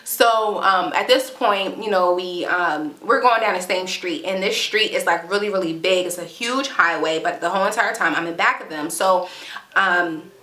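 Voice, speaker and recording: Twenties woman telling a wild story, super animated, bright high voice, echoey room. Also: moderate pace. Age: 20s. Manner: animated, dramatic, reenacts scenes. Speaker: vlogger. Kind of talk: storytime vlog.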